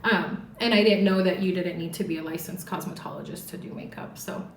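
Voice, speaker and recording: A woman's voice: lowish voice, fairly quick, roomy sound, a little hiss or hum. A woman in her forties from Southern California, a hairstylist talking candidly and casually, with laughs and swearing, as a podcast guest. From Orange County, California.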